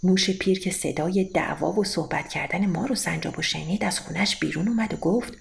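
Woman storyteller, bedtime tale, gravelly tone, faint background noise. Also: fairly low pitch.

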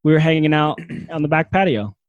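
A man's voice: on the high side, expressive, brisk, lo-fi sound, a crowd in the background. A man co-hosting a podcast, chatting casually and telling rambling anecdotes. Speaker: podcast co-host. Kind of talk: casual chat.

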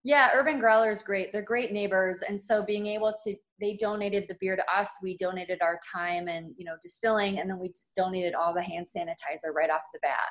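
A woman's voice: mid-range voice, steady tone, a little fast, few pauses. A woman who is a distillery owner, a guest on an interview show, explaining things in an upbeat, plain way. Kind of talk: casual interview chat.

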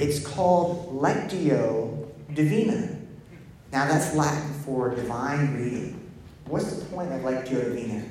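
A man preaches in a conversational teaching style and often stops to put questions to his listeners. His voice sits a little high for a man. The sound is very echoey, like a large church sanctuary, with faint noise underneath. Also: darkish tone. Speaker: pastor. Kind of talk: sermon.

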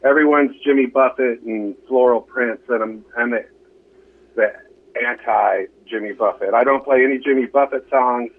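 A middle-aged American musician chats casually as a guest on a show, coming through a muffled lo-fi call. His voice is medium-pitched and moderately paced.

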